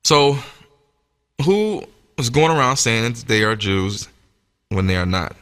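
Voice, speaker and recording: A man reads scripture and preaches in a lecture style, emphatic and teacherly, his words ringing with the long reverb of an echoey hall. His mid-range voice is expressive and a bit bright, and he takes it slowly.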